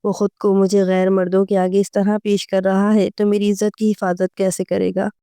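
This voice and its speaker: A woman narrating a dramatic story in the first person, in a steady, earnest way, close to the mic. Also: mid-range voice, clear, resonant tone, no room sound.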